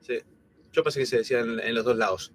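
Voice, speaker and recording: A thirty-something Argentine man whose Spanish accent has mellowed after years living in Spain co-hosts a live stream, talking casually with lots of fillers and false starts. His voice sits at a medium pitch with fairly level intonation, and he speaks quickly.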